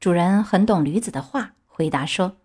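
A woman reading a children's storybook aloud with lively, expressive storytelling. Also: on the low side, normal speed, breathy edge.

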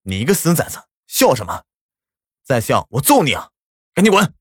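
A man voicing a hot-tempered, bullying middle-aged businessman in an audio story, shouting and threatening. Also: mid-range voice, huge pitch swings, moderate pace, breathy edge, no room sound, clean studio sound, voice pushed up. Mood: menacing.

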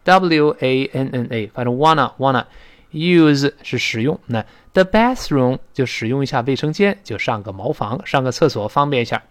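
Lively Chinese-accented male English teacher. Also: medium pitch. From China. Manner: explains slowly, drills words with repetition. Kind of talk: spoken English lesson.

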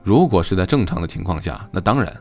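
A man's voice: deep voice, expressive, fast, vocal fry, full character voice. A shrewd young woman who keeps pressing her point, as a male narrator puts her on. She talks insistently, and faint music plays beneath the storybook reading. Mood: probing. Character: young woman, sharp and probing.

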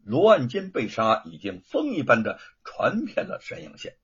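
A man's voice: mid-range voice, normal speed, husky, highs cut off. A man telling a historical tale in a dramatic, theatrical storytelling style. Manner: animated, theatrical delivery.

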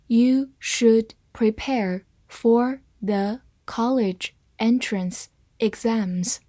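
A woman teaching English vocabulary to Chinese learners, spelling words letter by letter and reading example sentences slowly. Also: fairly high pitch, darkish tone, no echo, clean studio sound.

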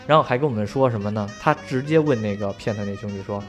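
A man's voice: on the low side, quick pace, faint music behind. A man telling a story in casual chat, swearing freely and laughing along.

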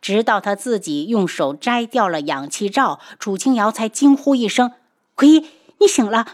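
Expressive woman narrating an audiobook. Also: mid-range voice, moderate pace. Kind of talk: scripted narration.

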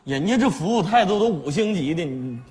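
A man's voice: high-pitched, expressive, fairly quick, darkish tone. A man performing sketch comedy, whiny and complaining. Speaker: comic actor playing a son. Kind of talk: northeastern Chinese sketch comedy.

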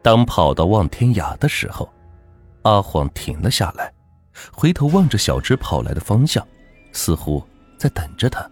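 A man narrating a folk ghost story in a dramatic, measured way. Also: fairly low pitch, sing-song, a little mellow, husky, faint music behind.

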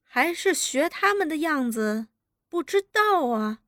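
A woman voicing a scheming, cruel male officer who mocks and threatens, barking orders loudly. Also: sits high, very animated, slow, dry recording, clean studio sound, voice pushed up, full character voice. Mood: menacing. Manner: mocking, threatening, loud barked orders.

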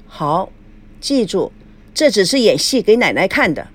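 A proud young wife with a curt, cold way of speaking, as a storyteller voices her. Her tone is slightly husky and clipped. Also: mid-range voice, sing-song, a little slow.

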